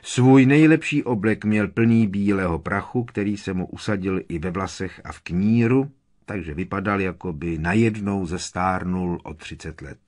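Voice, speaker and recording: A man reading a storybook aloud as an audiobook narrator, in a measured, even storytelling manner. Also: sits low.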